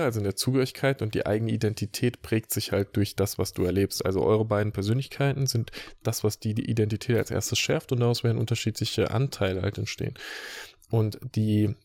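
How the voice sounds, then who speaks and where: A man's voice: lowish voice, creaky, darkish tone, no room sound. A man who works as an emotion coach, talking casually and explaining ideas in a long monologue. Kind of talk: casual podcast talk.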